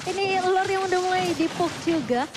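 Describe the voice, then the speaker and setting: A female esports commentator with an Indonesian accent and a very high voice. She follows the live game and breaks down the plays as they come. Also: moderate pace, over music.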